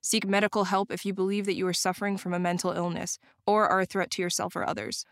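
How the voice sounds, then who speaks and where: Woman, disclaimer announcer, fast read, smooth clear voice. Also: medium pitch, no room sound, clean studio sound. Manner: brisk, even reading.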